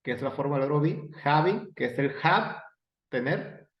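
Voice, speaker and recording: A man's voice: a little high, lively intonation, moderate pace. Mexican male teacher in echoey room. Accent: Mexican Spanish. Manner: explanatory, digressive, self-correcting with fillers. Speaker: English teacher. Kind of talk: classroom grammar explanation. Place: room with a whiteboard. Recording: echoey room, dull lo-fi sound.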